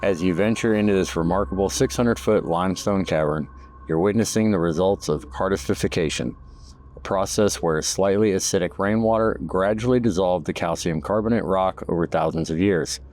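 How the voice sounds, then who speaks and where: Male narrator for a guided-tour documentary: fairly low voice, formal scripted read. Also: moderate pace, a little mellow.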